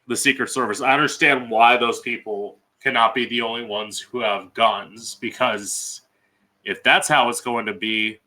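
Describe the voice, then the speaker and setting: A man's voice: medium pitch, fairly even intonation, moderate pace, sharp tone, rough recording. An American man hosting as a drag queen, giving blunt, emphatic opinionated commentary with frequent swearing. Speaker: drag queen podcast host.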